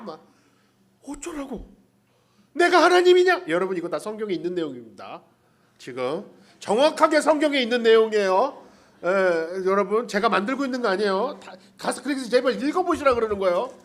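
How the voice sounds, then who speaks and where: A pastor's sermon delivered by a man with a high, very animated voice that swings widely in pitch. He tells the story playfully, voices the characters' lines himself, and keeps turning to the congregation. He is speaking inside a church. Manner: humorous, addressing the congregation directly. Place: church sanctuary.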